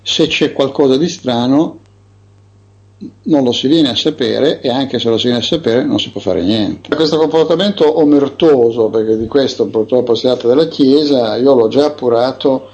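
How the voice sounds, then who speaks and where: A man's voice: mid-range voice, moderate pace, a little mellow. Indignant man, dull lo-fi recording. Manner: indignant, emphatic; hesitant with frequent fillers. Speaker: investigative author.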